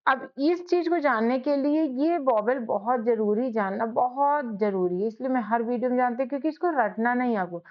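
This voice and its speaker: A woman runs a spelling lesson and spells each word out one letter at a time. Her voice sits a little high. The recording sounds dull and lo-fi. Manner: slow spelling out of letters, repeating words. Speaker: English teacher, channel host.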